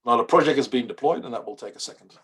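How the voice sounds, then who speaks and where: A Dutch-native man presents an online coding workshop demo, his medium-pitched voice a bit bright and slightly rough. He speaks casually and haltingly, with many fillers and restarts.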